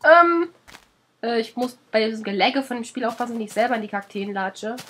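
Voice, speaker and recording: A woman's voice: on the high side, lively intonation, brisk, a bit bright, husky. A woman with a German accent, sick and under the weather, chatting her way through a let's play, scolding the animals in the game and swearing casually.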